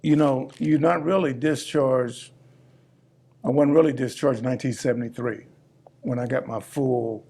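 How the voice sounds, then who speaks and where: An elderly man, a veteran in his seventies, reminiscing plainly in a casual interview, pausing as he recalls details. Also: mid-range voice, fairly even intonation, creaky, mellow. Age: 70s. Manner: old veteran remembering, plain-spoken, halting recall.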